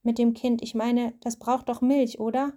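A woman's voice: fairly high pitch, level tone, normal speed, mellow, close to an everyday voice. A woman voicing a shy, stammering little girl while reading a storybook aloud. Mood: hesitant. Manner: hesitant, stammering.

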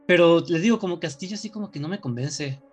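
Male co-host, slightly high-pitched, chatty and joking. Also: quick pace, soft background music. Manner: joking, rambling explainer. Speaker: podcast co-host. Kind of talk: casual chat.

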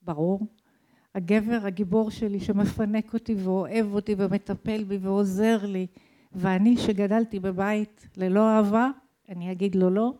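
A woman's voice: medium pitch, fairly even intonation, mellow. A middle-aged woman from Israel, telling her own life story in an intense, emotional way and asking herself questions. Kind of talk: dramatic personal storytelling.

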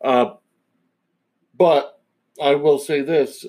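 A man's voice: on the high side, fairly even intonation, drawn-out words, a little mellow. Rambling male podcast host. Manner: rambling, digressive. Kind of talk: casual solo opinion monologue.

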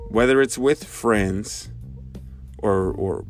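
A man in his thirties who sounds congested talks slowly in a fairly low voice, hosting a podcast of casual spoken reflection with lots of fillers and restarts as he thinks aloud. There's faint music behind.

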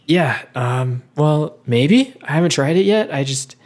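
A man playing a tabletop game, chatting casually and hesitantly with many pauses and restarts. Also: a little high, lively intonation, darkish tone.

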